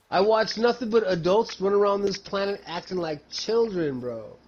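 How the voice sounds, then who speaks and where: A man in his fifties with a notably high voice talks in a blunt, profane way, like someone ranting to a friend. He is emphatic and slangy, swearing often. The recording is dull and lo-fi. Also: a little mellow. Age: 50s. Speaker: storyteller. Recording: dull lo-fi sound.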